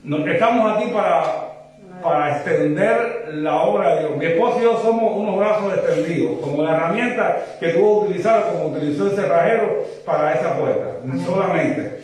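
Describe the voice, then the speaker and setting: A man's voice: high-pitched, brisk. Fervent Cuban man preaching in echoey church. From Cuba. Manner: fervent, rising to shouted exhortation. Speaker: visiting pastor. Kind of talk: preaching testimony. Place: church sanctuary. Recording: echoey church hall, far from mic.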